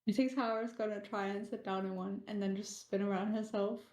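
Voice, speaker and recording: A woman's voice: medium pitch, little pitch movement, a little mellow. A woman playing in a tabletop game, chatting casually and joking with the game master. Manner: chatty, giggly, quick to joke. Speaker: player. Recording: roomy echo.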